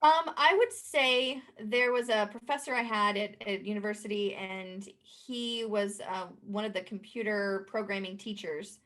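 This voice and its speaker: A woman guest in an interview, telling stories in a lively way and acting out the people she quotes. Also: measured pace, hardly any pauses. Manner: animated storyteller, acts out quotes in a higher voice. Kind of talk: conversational interview.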